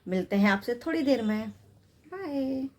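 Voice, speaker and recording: A woman's voice: sits high, lively intonation, unhurried, a little hiss or hum. A young woman vlogging from her home kitchen, chatting casually to the camera about her day and her little son while she does her housework. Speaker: vlogger and mother. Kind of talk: casual daily vlog chat.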